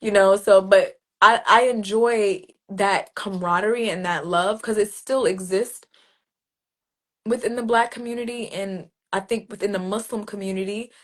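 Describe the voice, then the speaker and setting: An interview guest, a poet from New Jersey, USA, talks at normal speed in a medium-pitched voice. Her storytelling is casual and animated, and she mimics street greetings in other people's voices.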